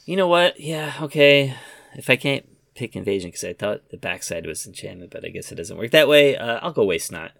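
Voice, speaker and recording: A man's voice: medium pitch, very animated, brisk, creaky, a bit bright, dry recording, clean studio sound. A man co-hosting a casual podcast chat, hesitant and thinking aloud as he goes. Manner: hesitant, lots of ums and trailing off. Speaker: podcast co-host.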